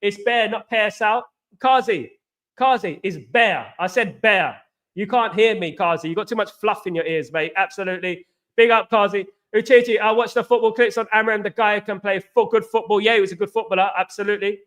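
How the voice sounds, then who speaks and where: Fairly quick and fairly bright, the high-pitched voice of an English livestreamer carries his loose, chatty talk. He reads comments from viewers, greets them by name and repeats "big up" and "absolutely" throughout.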